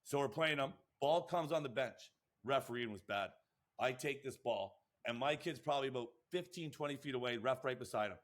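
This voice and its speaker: A man, a lacrosse podcast co-host and coach, telling rambling, excitable stories full of acted-out quotes and swearing. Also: medium pitch, fairly quick. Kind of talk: animated storytelling.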